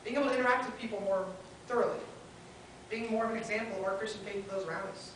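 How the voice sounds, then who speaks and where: A woman's voice: medium pitch, steady tone, racing. A woman preaching a sermon at a pulpit microphone, earnestly building her points in short listed phrases. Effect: spoken into a pulpit microphone. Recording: very echoey hall, heard from far off, faint hiss.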